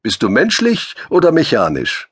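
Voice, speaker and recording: A man's voice: a little high, huge pitch swings, normal speed, breathy edge, no echo, studio quality, voice pushed up, heavily acted. A man voicing a lanky young male spacer who talks in ironic, mock-solemn quips, raised well above his own voice. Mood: wry joking.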